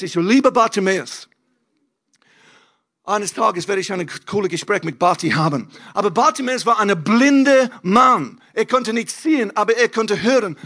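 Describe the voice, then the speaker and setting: Guy preaching on a church stage, high bright voice, super energetic and slangy, soft keys behind. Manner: energetic and emphatic, with casual slang. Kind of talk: lively sermon. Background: faint keyboard music.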